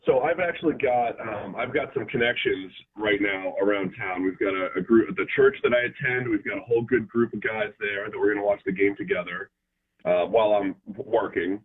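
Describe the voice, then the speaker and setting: A man calling in as a guest football analyst, talking in a relaxed way with many fillers. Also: on the low side, fairly quick, breathy edge. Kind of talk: phone-in interview. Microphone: phone. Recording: tinny phone line.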